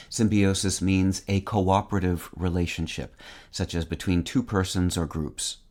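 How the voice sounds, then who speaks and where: Low voiced guy reading the word of the day, dry little jokes, careful and precise. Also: a little mellow. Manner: measured, wry and precise, spells words out. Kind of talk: scripted vocabulary reading.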